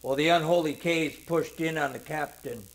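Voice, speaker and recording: An older man narrating a sentimental story in the first person, slow and heartfelt. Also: fairly high pitch, low-quality recording.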